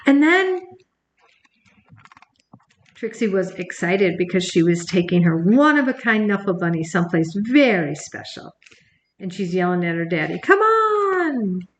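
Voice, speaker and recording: An older woman, a grandmother, reading a picture book aloud on camera and gently talking to her grandchild between pages. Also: fairly low pitch, normal speed, roomy sound, slight background noise. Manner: gentle, talks to the child by name between pages. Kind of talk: recorded bedtime story reading.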